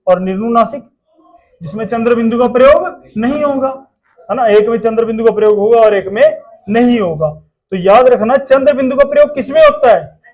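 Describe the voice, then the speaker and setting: High-voiced male teacher, drilling questions. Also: very animated, a little fast, darkish tone. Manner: repeats questions and answers them himself. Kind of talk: classroom lesson.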